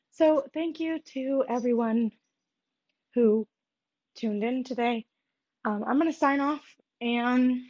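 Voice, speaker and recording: A woman's voice: a little high, a little mellow. Breathless young woman podcasting on the move. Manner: candid, rambling, self-deprecating. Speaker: podcast host. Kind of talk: casual solo podcast talk. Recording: dull lo-fi recording.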